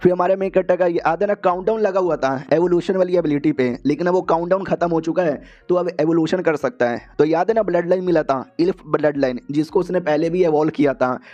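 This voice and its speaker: A man's voice: fairly high pitch, fast talker, hardly any pauses, darkish tone. A man narrating a manga story recap in a chatty, informal way with laughing asides, heard on a dull lo-fi recording.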